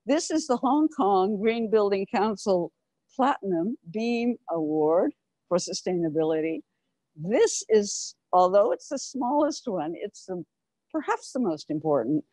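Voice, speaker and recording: A woman's voice: medium pitch, mellow, dry recording. An older woman speaking through a face mask, explaining things as she guides a group on an informal office tour, wearing a clip-on mic. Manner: explanatory, addressing a group while walking. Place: open-plan office, indoors. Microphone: clip-on lapel microphone.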